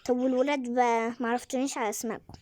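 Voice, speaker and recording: A woman's voice: a little high, steady tone, darkish tone, a little hiss or hum, lightly acted. A woman voicing a chatty, motherly Egyptian neighbor in a game role-play skit, speaking with an Egyptian Arabic accent. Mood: fussy. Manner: fast, fussy and motherly chatter.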